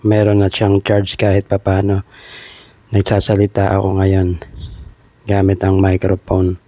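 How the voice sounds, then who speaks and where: Guy doing a relaxed unboxing vlog, slow talker, warm low voice. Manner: chatty, testing a mic by repeating hello. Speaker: vlogger. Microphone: phone built-in mic, then a wireless clip mic.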